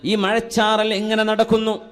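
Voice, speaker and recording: A man preaching a sermon who chants Arabic verses slowly in a sung recitation and drops to quiet questions for the audience. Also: sits high, monotone, faint music behind. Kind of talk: Islamic sermon.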